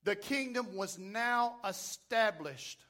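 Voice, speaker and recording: A man preaching a booming motivational sermon, hammering phrases through emphatic repetition and calls for amen. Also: slow pace, pushed and bright.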